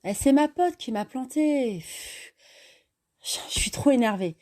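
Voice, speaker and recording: A woman voicing a young female student who is blunt and quick-tempered, with exasperated sighs. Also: mid-range voice, warm tone, natural voice. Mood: annoyed. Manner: exasperated, sighing. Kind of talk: storytelling voice acting.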